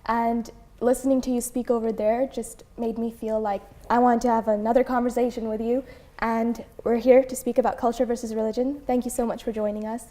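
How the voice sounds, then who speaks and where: A young woman hosts a community interview with a fairly high but mellow voice. She speaks softly and gently, and she keeps her guest going with quiet murmurs of agreement. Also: little pitch movement, brisk. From Canada. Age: young adult. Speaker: host.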